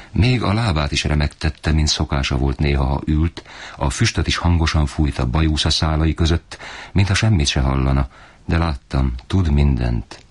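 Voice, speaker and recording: A man reading a literary story in a measured, solemn narration. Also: rumbling low, breathy edge.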